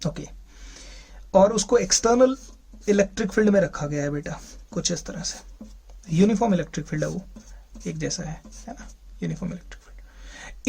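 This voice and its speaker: A man's voice: sits high, darkish tone, breathy edge. A man teaching a physics class, asking his students questions and then answering them himself. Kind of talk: classroom lecture.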